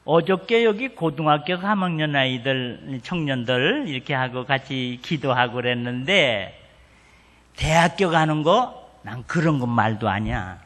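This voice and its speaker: Older male retired pastor, revival sermon, unhurried storyteller who acts out the dialogue, long church-hall reverb. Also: mid-range voice. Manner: animated storytelling, acting out family dialogue.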